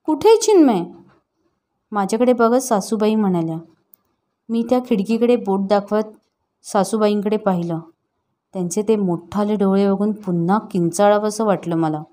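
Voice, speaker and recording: A woman narrating an emotional family story in a calm, steady reading voice. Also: a little high.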